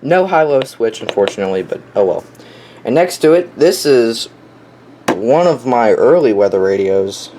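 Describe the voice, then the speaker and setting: With an animated, mid-range voice at a moderate pace, a young hobbyist casually shows his weather radio collection. The unscripted talk is offhand and enthusiastic, recorded at home with clear background noise.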